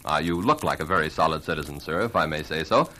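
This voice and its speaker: A man hosting a radio interview, polite and courteous, pausing often with filler sounds. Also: a bass voice, expressive, bright, forceful tone.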